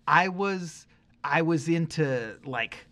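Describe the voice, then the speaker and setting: A man in his forties co-hosts a podcast, discussing music in a casual, rambling, emphatic and opinionated way. His voice is on the high side, bright and forceful, animated yet slow-paced.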